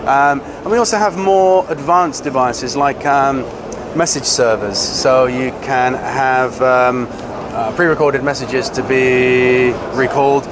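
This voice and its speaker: A man with a medium-pitched voice presents technical equipment as a company representative. His delivery is informal and halting, with pauses as he explains. He is recorded amid very loud trade show floor noise. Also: fairly even intonation.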